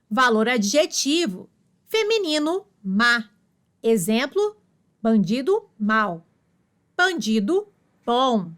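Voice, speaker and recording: Brief: woman narrator, high voice, unhurried list-like dictation of study notes. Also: fairly bright tone. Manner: slow, list-like dictation of rules and examples. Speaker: exam prep narrator. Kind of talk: reading study notes aloud.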